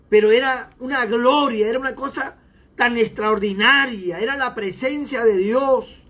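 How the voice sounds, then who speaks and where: Husky-voiced pastor giving testimony. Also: male voice, very high voice, a bit bright. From Peru. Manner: emotional, repetitive storytelling. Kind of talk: sermon testimony.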